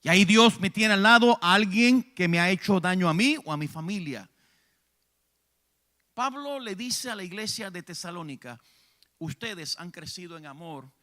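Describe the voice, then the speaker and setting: A man with a Puerto Rican accent preaching a church sermon, swinging between hushed lines and shouted ones. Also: high voice, expressive, moderate pace. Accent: Puerto Rican Spanish. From Puerto Rico. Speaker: evangelist preacher. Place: church sanctuary.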